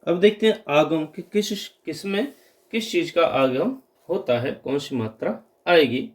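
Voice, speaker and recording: A man's voice: on the high side, a little slow. A man giving an exam-prep grammar lesson, patiently repeating wrong and correct word forms. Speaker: teacher.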